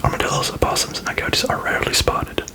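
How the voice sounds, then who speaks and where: A man reading aloud in a breathy ASMR whisper, with casual asides. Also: fast talker.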